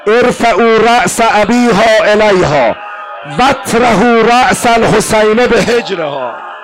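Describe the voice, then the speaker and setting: A man voicing a cruel, arrogant tyrant king who shouts commands, within a mourning sermon. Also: high-pitched, expressive, voice pushed up, low-quality recording. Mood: commanding.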